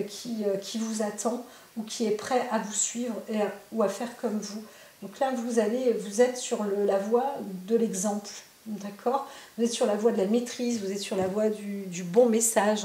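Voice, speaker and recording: A woman's voice: mid-range voice, steady tone, normal speed, warm tone. Roomy-sounding woman giving a card reading. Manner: talks directly to the viewer, many fillers and tag questions. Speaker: psychic card reader. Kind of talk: spontaneous oracle card reading to camera.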